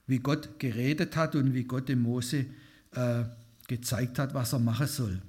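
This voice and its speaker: A man's voice: medium pitch, fairly even intonation, a little slow, dark tone, breathy edge. A man preaching an informal sermon to a congregation, talking conversationally and putting questions to his listeners. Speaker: lay preacher.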